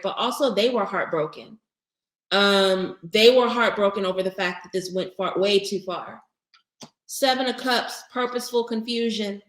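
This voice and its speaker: A woman reading tarot cards on a livestream. Her voice sits at a middle pitch and sounds heartfelt, and she talks straight to her viewers. The sound is roomy and echoey. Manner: emotional, holding back tears. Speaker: tarot reader.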